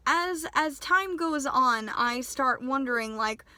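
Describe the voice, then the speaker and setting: A cosplay vlogger in her twenties chats casually, friendly and self-deprecating, her high-pitched voice still off from a sinus infection she's recovering from. She speaks slowly with lively intonation and a bright, forceful tone, with no room sound.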